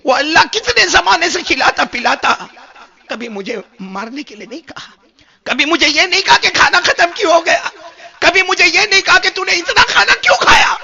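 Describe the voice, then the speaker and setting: A man voicing an aggrieved female fish who pleads with and reproaches a king, in a high, loud voice, in a dull lo-fi recording. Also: slightly rough, heavily acted. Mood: reproachful.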